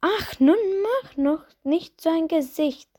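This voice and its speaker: A woman's voice: very high-pitched, animated, slow, warm tone, pitched above the performer's own voice, exaggerated voice. A woman voicing an impatient, chatty mother who coaxes and scolds in a storybook reading. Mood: coaxing. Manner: coaxing, exasperated.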